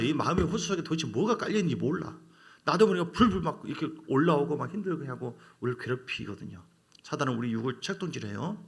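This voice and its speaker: Male pastor, middle-aged, sermon, gravelly voice, lively swinging pitch, quiet-to-loud preaching.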